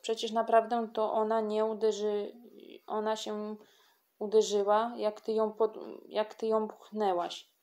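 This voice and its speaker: A woman voicing a loyal, excitable young schoolgirl who pleads insistently with her friend in a storybook reading. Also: medium pitch, a little slow, natural voice. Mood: pleading.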